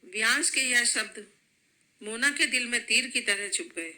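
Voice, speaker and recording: A woman reading a family story aloud in a steady, plain narration. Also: a little high, measured pace, low-quality recording.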